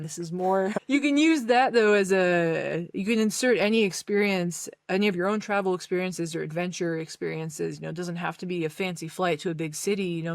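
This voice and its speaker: A woman's voice: fairly low pitch, gravelly, no echo. A woman from Greece talks as a podcast guest, thoughtful and explanatory, her voice close and dry on the microphone. She lays out her ideas at length in easy conversation. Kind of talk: casual conversation.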